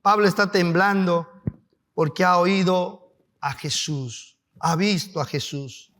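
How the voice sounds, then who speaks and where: A male pastor preaching a sermon to his congregation, asking them rhetorical questions and building up to fervent, shouted climaxes. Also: sits high, takes it slowly, a little hiss or hum. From Peru.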